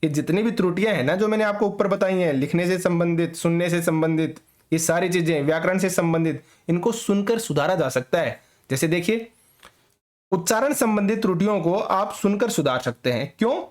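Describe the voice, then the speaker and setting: High-voiced man teaching exam prep. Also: a little fast. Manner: explains by asking and answering his own questions; adds frequent tag checks after points. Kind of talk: classroom-style lecture.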